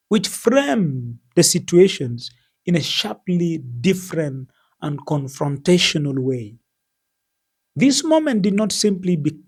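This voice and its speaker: A man with a husky voice delivering scripted explanatory news commentary in a measured, formal, deliberate manner. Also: a little high, darkish tone.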